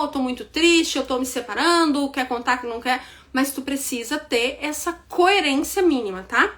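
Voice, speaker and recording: A woman with a bright, high voice and a southern Brazilian accent leads an online business lesson. She talks straight to her audience and keeps checking in with a quick "tá?". Now and then she acts out excuses in a quicker, higher voice. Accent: southern Brazilian, Rio Grande do Sul. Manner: direct, repeats points with "tá?" check-ins. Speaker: business mentor. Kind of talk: online class to women entrepreneurs.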